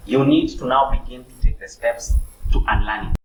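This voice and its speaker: A man's voice: medium pitch, moderate pace, soft background music. A man on a church family panel, speaking earnestly and exhorting the listeners. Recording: roomy, distant mic, faint noise.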